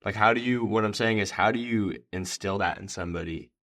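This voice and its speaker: A young adult man with a low, deep voice speaks casually as a podcast co-host. He sounds reflective, feeling his way through questions and thoughts with pauses and restarts. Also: fairly bright tone. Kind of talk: casual conversation.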